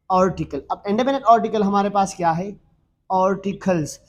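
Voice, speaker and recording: A man's voice: high-pitched, a little mellow. A man teaching grammar in a recorded lesson, explaining step by step and restarting and repeating himself often. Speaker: English teacher.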